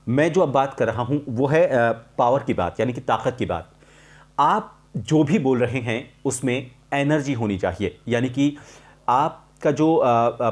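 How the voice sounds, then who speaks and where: Working as a voice coach, a man delivers an instructional tutorial with measured, emphatic explanations and repeats the key points. His voice sits at medium pitch with a slightly mellow quality.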